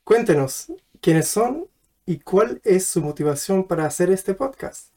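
A man hosting a podcast who introduces the episode and asks his guests guiding questions in a measured way. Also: high voice, animated, darkish tone. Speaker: podcast host and interviewer. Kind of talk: scripted intro, then casual interview.

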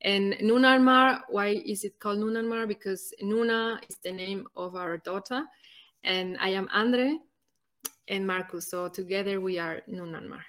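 A woman from Ecuador, earnestly introducing her podcast and pausing often to find her words. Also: mid-range voice, steady tone, a bit bright. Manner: earnest, halting, many "um" pauses. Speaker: podcast co-host.

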